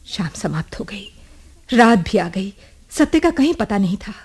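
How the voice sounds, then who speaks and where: A woman's voice: medium pitch, big pitch swings, measured pace, a little mellow, breathy edge. An actress playing a proud, defiant young woman in a radio drama, telling her story with earnest emotion. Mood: earnest recounting. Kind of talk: 1980s radio drama acting.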